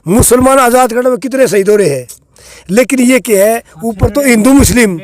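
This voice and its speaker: A man's voice: very high voice, fairly quick. A man, a farmer, speaking earnestly and with passion in a street interview. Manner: impassioned, earnest.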